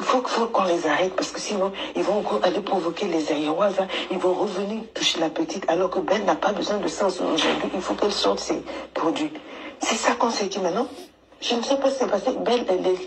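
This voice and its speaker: A woman's voice: on the low side, fast talker. Hesitant woman on a played-back voice message. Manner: hesitant, many fillers and restarts. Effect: voice message played back from a phone. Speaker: coach. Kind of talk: casual spoken voice note. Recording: noisy voice message playback.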